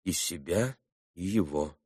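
A man reading an audiobook, voicing a gentle, earnest young man who speaks quietly and sincerely. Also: medium pitch, normal speed, no echo, studio quality, lightly acted. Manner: quiet, soft-spoken.

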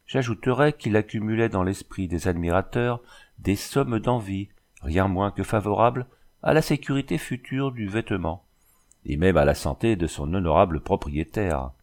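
A man reading a classic novel aloud in a measured audiobook narration. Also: lowish voice, darkish tone.

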